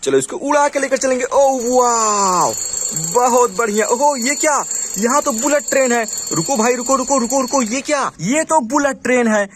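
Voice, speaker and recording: A man's voice: extremely high pitch, brisk, hardly any pauses, slight background noise. A man narrating toy play with exclamations, repeated praise and commands to the toys.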